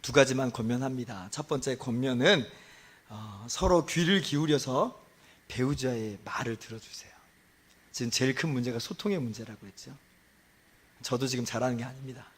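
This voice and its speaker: A male pastor delivers a Sunday sermon in a mid-range, slightly rough voice at a moderate pace. He tells a story with self-deprecating humor, swinging between soft asides and loud outbursts.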